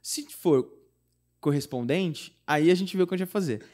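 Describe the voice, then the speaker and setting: A man's voice: on the high side, normal speed. A young Brazilian man, a singer-songwriter guest, telling a personal story in casual chat, acting out the dialogue with many fillers. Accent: Brazilian Portuguese. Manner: animated, acts out quoted dialogue; frequent fillers like "tipo" and "não sei o quê".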